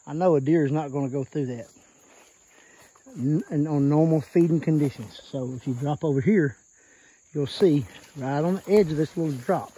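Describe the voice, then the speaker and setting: Speaking with a Southern Arkansas accent, a hunter gives deer-scouting tips in the woods for a casual vlog, folksy and plain as he points things out. His voice sits on the high side, dark with a breathy edge, at a normal speed. The outdoor recording is rough and has faint natural noise.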